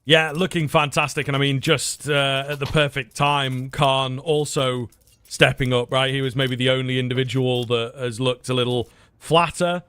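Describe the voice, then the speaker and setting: A man's voice: mid-range voice, fairly even intonation, moderate pace, a bit bright, clear, resonant tone, dry recording. A man giving live analysis and commentary on an esports match as a caster.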